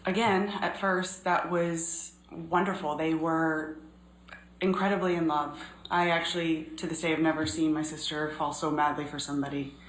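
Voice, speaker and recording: A woman in her thirties giving measured, earnest courtroom testimony as a witness, pausing often. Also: deep voice, flat delivery. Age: 30s. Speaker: trial witness. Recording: echoey courtroom recording, faint noise.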